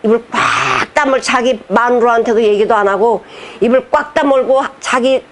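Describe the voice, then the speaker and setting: A woman's voice: a little high, moderate pace. Impassioned woman pastor preaching. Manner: impassioned preaching, voice catching with emotion; rhetorical questions to the congregation. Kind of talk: sermon.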